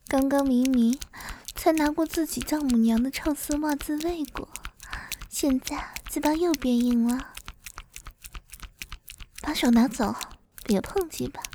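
In an intimate adult audio roleplay, a woman plays a dominant, teasing middle-aged mother-in-law, often dropping into breathy whispers and issuing slow commands. Her voice sits high and mellow, with a little hiss or hum.

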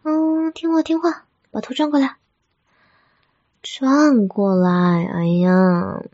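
A breathy young woman murmurs in whispered role-play, coaxing and soothing in a slightly high voice. She talks slowly and lingers on each phrase. The close-mic audio is dry and a little dull. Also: level tone, mellow, dry recording. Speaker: role-play narrator speaking as an older girlfriend.

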